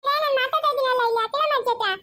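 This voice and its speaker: A woman's voice: extremely high pitch, fairly even intonation, rapid-fire, sharp tone, dry recording, clean studio sound, voice pushed up. A woman voicing a bossy little girl who pesters her grandmother with whiny, demanding questions, in a Chikkaballapur Kannada accent. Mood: pestering.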